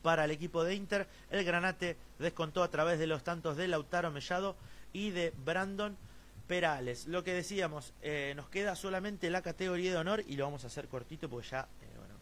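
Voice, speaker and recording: On a local futsal news stream, an Argentine-accented man runs through scores and long lists of scorers for a sports roundup, often restarting and using fillers. His voice is fairly high, a bit bright and fairly quick, with slight background noise.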